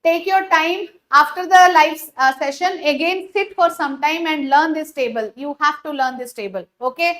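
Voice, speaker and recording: Very high-voiced woman teaching biology slowly. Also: a bit bright. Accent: Telugu. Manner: mixes English and Telugu, repeats 'okay', frequent 'uh' fillers. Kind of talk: live online exam-prep class.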